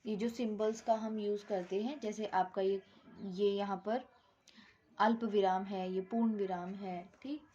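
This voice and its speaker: A woman's voice: mid-range voice, steady tone, measured pace, dark tone, slightly rough, lo-fi sound. A woman teaching a Hindi grammar lesson, explaining step by step, mixing English words into her Hindi and checking with "ठीक".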